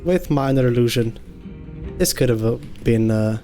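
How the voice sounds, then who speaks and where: A man hosts a let's-play and calmly thinks aloud through his moves in a mid-pitched, even voice. Game music plays clearly behind him. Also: moderate pace. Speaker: gaming channel host.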